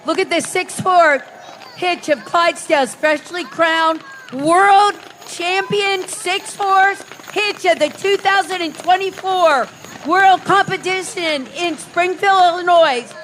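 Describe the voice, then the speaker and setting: A woman's voice: very high voice, slow, fairly bright tone, slight background noise, rough recording. A woman announcing horse teams live in the showy manner of an animal show presenter.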